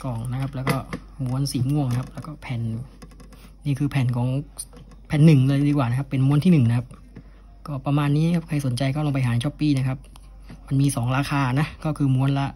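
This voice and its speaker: There's steady background noise as a man with a mid-range voice briskly shows off an unboxed cassette from his collection. The showcase is casual and unscripted, and he often finishes phrases with polite particles.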